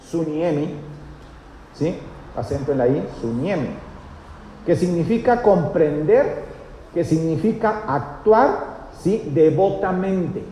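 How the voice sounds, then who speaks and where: A man's voice: on the high side, warm tone. A male pastor, teaching a sermon and often checking with the congregation. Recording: echoey church hall, faint noise.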